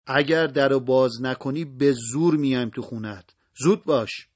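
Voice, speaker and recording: A man's voice: medium pitch, darkish tone, no echo, studio quality, natural voice. A man voicing an armed attacker who barks threats. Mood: threatening. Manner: barking threats.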